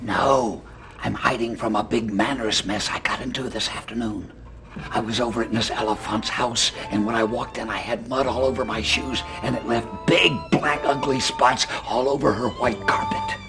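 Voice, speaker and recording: A man's voice: mid-range voice, normal speed, music in the background, natural voice. A man playing an earnest, bumbling creature with a snout who fumbles through his problems. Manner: earnest, fumbling, eager to behave well. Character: bumbling, polite male creature with a big snout.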